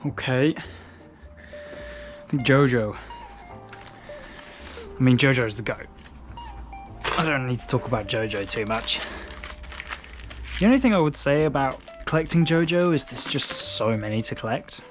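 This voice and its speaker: Casting: young English man, mid-range voice, easygoing rambling chat at home, soft music behind. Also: medium pitch, lively intonation, moderate pace. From England. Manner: laid-back, rambling, with frequent restarts. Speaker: manga collector vlogger. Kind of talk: casual chat.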